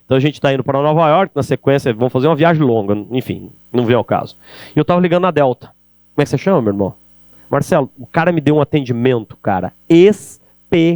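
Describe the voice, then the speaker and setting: Palestrante brasileiro animado, voz seca com zumbido. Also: male voice, mid-range voice, fast, no echo. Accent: Brazilian Portuguese. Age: middle-aged. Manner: animated, addresses audience directly with rhetorical questions. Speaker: keynote speaker on sales. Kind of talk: energetic business lecture. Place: event hall.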